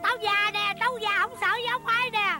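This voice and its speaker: A woman's voice: extremely high pitch, measured pace. An actress playing a grieving mother in a comic stage play, wailing, sobbing and singing laments. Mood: angry. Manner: wailing, sobbing, sings folk-opera laments. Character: grieving mother, tearful and shrill, lamenting her son. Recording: stage recording with music behind.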